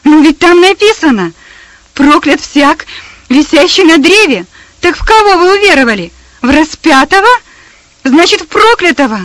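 A woman's voice: very high-pitched, expressive, moderate pace, a bit bright, no room sound, pitched above the performer's own voice, low-quality recording. A woman voicing a proud rich young woman in hysterical despair, crying out shrilly. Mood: frantic accusing.

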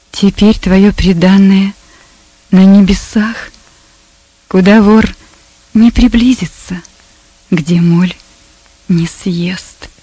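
A woman voicing a devout father who speaks quietly, tenderly and meekly. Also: mid-range voice, dry recording, muffled recording. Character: gentle devout father, humble, former rich lord.

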